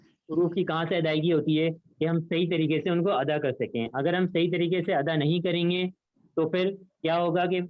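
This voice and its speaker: A man teaching an online class, patiently explaining step by step and repeating sounds slowly over a video call. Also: on the high side, steady tone, dry recording. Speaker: Quran recitation teacher. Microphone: computer mic on a video call. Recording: dull, dry video-call audio.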